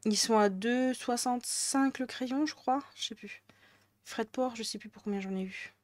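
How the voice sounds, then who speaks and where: A woman's voice: fairly high pitch, moderate pace. Chatty northern French woman vlogger. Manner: rambling, chatty, many fillers. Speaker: crafting vlogger. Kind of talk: casual chat.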